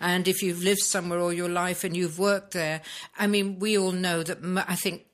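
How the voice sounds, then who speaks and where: A British woman living in Spain, talking through a current issue in casual conversation, pausing often with ums as she searches for words. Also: lowish voice, little pitch movement. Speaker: expat blogger discussing Brexit.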